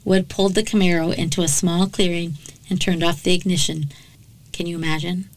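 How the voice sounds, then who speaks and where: In a lowish voice, flat and fairly quick, a woman narrates a true crime case for her podcast. Her dramatic telling keeps getting interrupted by sarcastic, blunt comments, and the audio is poor.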